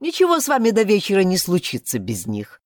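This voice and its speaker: A woman voicing a gruff male sheriff who grumbles and speaks curtly. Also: medium pitch, wildly swooping pitch, fairly quick, no echo, studio quality. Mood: grumbling. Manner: grumbling, curt.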